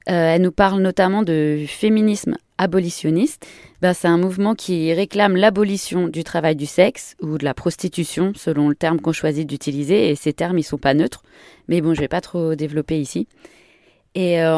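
A woman with a fairly low voice hosts a radio program, sounding earnest and explanatory. She hesitates often between phrases. The studio sound is dry and close. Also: darkish tone, no echo. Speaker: radio show host. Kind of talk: scripted radio introduction.

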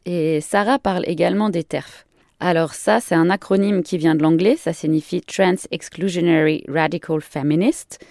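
A woman with a fairly low voice hosts a radio program, sounding earnest and explanatory. She hesitates often between phrases. The studio sound is dry and close. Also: fairly even intonation, moderate pace, a little mellow, no echo. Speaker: radio show host. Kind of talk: scripted radio introduction.

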